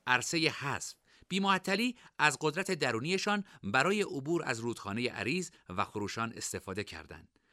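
A man narrating a story in an expressive, lively reading. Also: medium pitch, no echo, studio quality.

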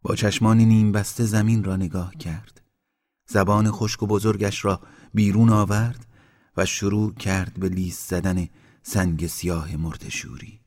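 Deep-voiced male story narrator. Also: fairly even intonation. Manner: slow, measured literary narration, drops quiet in grim passages. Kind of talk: storybook reading.

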